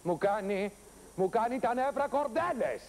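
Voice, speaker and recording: An actor playing an exasperated TV producer who nags and lectures a new hire. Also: male voice, high voice, very animated, a little mellow, a little hiss or hum. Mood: lecturing. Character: exasperated TV show producer, a middle-aged man. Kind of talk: TV sketch comedy acting.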